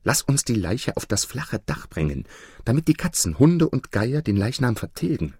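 A man's voice: medium pitch, big pitch swings, moderate pace, darkish tone, breathy edge, no room sound, studio quality, voice pushed up. A man voicing a doctor's frantic wife, speaking shrilly and urgently in a storybook reading.

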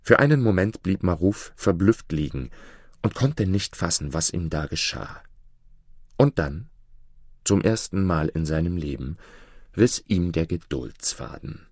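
A man reading a fairy tale aloud in an expressive storytelling style. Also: deep voice, unhurried, no room sound, studio quality. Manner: expressive, varied intonation.

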